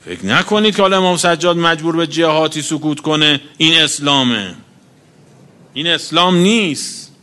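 A man's voice: fairly high pitch, pushed and bright. A man preaching a religious sermon, reciting Arabic quotations and explaining each one in plain talk. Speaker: cleric.

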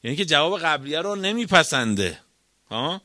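A man lecturing on religion with a bright, forceful tone and a combative, questioning delivery. He swings from loud emphasis to hushed asides. The recording is dry and close. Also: a little high, very animated, no echo. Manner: argumentative, rhetorical questions, swings between loud and quiet. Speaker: cleric lecturer.

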